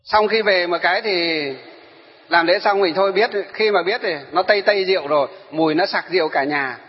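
A Buddhist monk tells his listeners a story in a lively way. His male voice sits high. The recording is muffled, with a long hall reverb. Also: brisk. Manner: animated, addresses listeners directly. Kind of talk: storytelling sermon.

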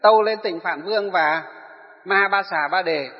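A man's voice: sits high, moderate pace. A man telling a Buddhist story as a sermon. He keeps posing rhetorical questions and then answers them himself. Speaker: Buddhist preacher. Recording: echoey hall, dull lo-fi sound.

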